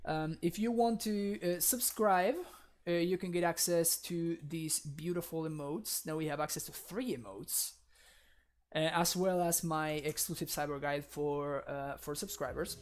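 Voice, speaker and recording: A young man, native to Spanish and speaking with a Spanish accent, keeps up casual live-stream chat with viewers during a card game, laughing often. He sounds a little high, with fairly even intonation and an unhurried pace.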